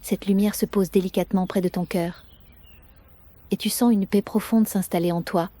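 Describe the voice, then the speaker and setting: A woman narrates a guided bedtime sleep story in a soft, gentle, soothing manner, unhurried and with long pauses. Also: medium pitch, fairly even intonation, slight background noise.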